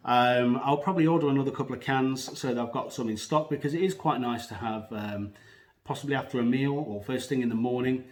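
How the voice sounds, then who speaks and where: A man's voice: mid-range voice, a little fast. Echoey man, pouch under his lip. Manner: hesitant, rambling, self-correcting. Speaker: product reviewer. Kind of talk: unscripted casual video review. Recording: echoey room.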